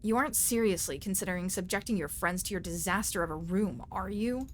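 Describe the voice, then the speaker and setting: A woman voicing a stern, curt middle-aged woman doctor with a husky smoker's voice. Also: mid-range voice, fairly quick, a little hiss or hum, close to an everyday voice. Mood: dismissive. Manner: clipped, dismissive.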